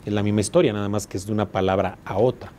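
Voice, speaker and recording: A man with a Mexican accent lectures a law school class, rattling off his points rapid-fire in a low, dark, steady voice. Even so, he explains patiently and keeps asking whether students follow. A little hiss or hum sits under the recording.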